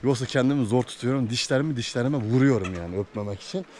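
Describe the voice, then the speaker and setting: A man's voice: mid-range voice, fast. A man vlogging casually from his farm, chatting to viewers and fondly to his animals. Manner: chatty, affectionate with his animals, laughs often. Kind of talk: casual vlog talk to camera. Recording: noisy farm sound with clucking chickens.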